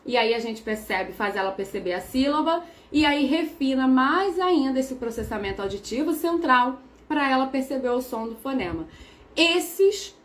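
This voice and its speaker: Brazilian woman teacher, young adult, slightly high pitch, methodical and repetitive in her explanations. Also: animated, normal speed. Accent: Brazilian Portuguese. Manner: patient, methodical, repeats key terms.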